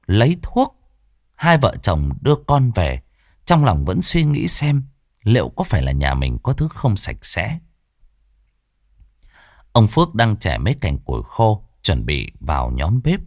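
Low-voiced man narrating a ghost story. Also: no room sound, clean studio sound. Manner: dramatic, drawn-out slowdowns.

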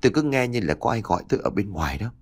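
A man voicing a frightened elderly husband in a village ghost story, at times shouting in panic. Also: fairly low pitch, expressive, very fast. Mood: shaken.

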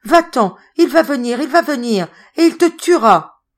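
A woman's voice: high voice, animated, normal speed, pitched above the performer's own voice. A woman voicing a delirious, wounded young woman who pleads frantically, in an audiobook reading. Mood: frantic.

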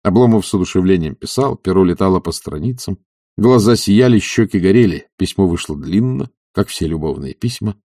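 A man narrating a classic novel, reading with theatrical expression and a lively, wide-ranging pitch. His voice is mellow and husky. The recording is close and dry. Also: brisk, no room sound. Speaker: audiobook narrator.

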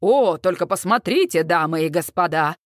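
A woman's voice: on the low side, lively intonation, moderate pace, dry recording, clean studio sound, pitched below the performer's own voice, close to an everyday voice. A woman reading an audiobook, voicing a showy male rodeo announcer who calls the action to the crowd. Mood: announcing.

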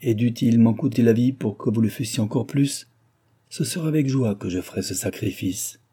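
A man's voice: medium pitch, normal speed, warm tone, breathy edge, close to an everyday voice. A man voicing a devoted young woman companion who speaks faintly and self-effacingly, in a read-aloud novel. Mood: wistful.

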